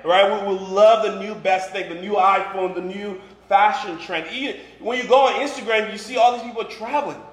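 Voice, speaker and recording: A high, steady voice runs fairly quickly with few pauses as a man in his twenties or thirties gives an informal sermon as a campus minister. Originally from Liberia, he moved to Boston at thirteen, and he jokes conversationally, frequently saying "you know" and "right." His live congregation fills a large, echoey room with some faint ambient noise.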